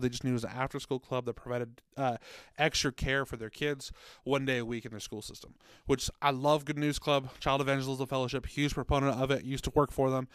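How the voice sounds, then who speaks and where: A man with a medium-pitched, clean voice retells a story for a faith podcast in an earnest, chatty way, acting out the quotes. He co-hosts the podcast and once worked in children's ministry. The room sounds dry and close, with no echo.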